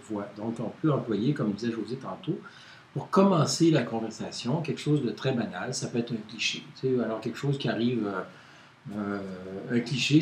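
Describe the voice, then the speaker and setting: A man with a Quebec French accent leads an informal workshop, talking to a small group in a halting way full of hesitations and restarts. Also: lowish voice, darkish tone. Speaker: workshop leader. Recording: roomy, distant mic with faint noise.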